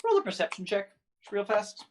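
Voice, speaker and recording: A game master improvising narration for a tabletop game, with a halting, stammering delivery that often repeats words. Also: mid-range voice, very animated, a little hiss or hum.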